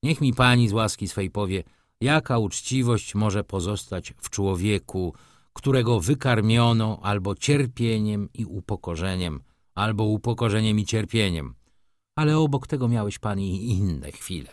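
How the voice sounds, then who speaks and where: A man's voice: lowish voice, lively intonation, moderate pace, no room sound, studio quality, close to an everyday voice. A man reading an audiobook, voicing a bitter, brooding middle-aged merchant who speaks in a restrained, cool way. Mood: cold bitter.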